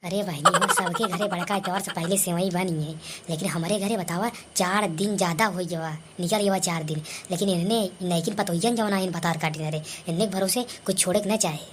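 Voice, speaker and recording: A woman's voice: on the low side, fairly quick, hardly any pauses. A woman with an Awadhi accent voicing a bossy elder sister-in-law who scolds and complains in a cartoon comedy, with faint noise behind. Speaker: comedy voice artist. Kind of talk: scripted cartoon comedy dialogue.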